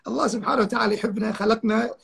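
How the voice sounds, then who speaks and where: A man's voice: high voice, steady tone, racing, gravelly, a bit bright. An older man, a guest on a live online talk, telling stories emphatically and repeating his key points over a video call. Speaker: guest counselor.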